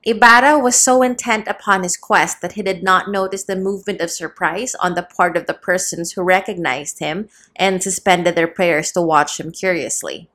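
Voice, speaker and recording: A woman narrating a classic novel aloud in a steady, measured way. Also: on the low side. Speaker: audiobook narrator. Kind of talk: scripted narration.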